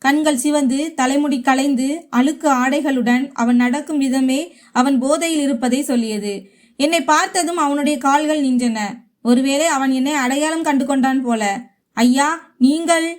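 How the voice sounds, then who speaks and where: High-voiced woman reading a story. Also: steady tone, moderate pace. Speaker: story narrator. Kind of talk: first-person story narration.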